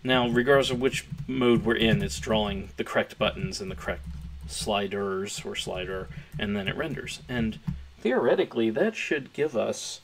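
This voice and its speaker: Hoarse man live-coding, keyboard clicking. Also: on the low side, lively intonation, moderate pace, slight background noise. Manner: thinking aloud while typing, chatty. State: hoarse, gravelly. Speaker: programmer streaming a coding tutorial. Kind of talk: casual live-coding walkthrough. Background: keyboard typing.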